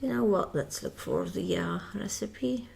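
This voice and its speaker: A woman with a heavily creaky, gravelly voice, chatting her way through a building game at a middling pitch. She sounds tired and talks in a rambling, self-mocking way, full of fillers. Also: unhurried, darkish tone. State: tired, yawning. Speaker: Minecraft modpack let's-player. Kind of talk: casual gameplay commentary.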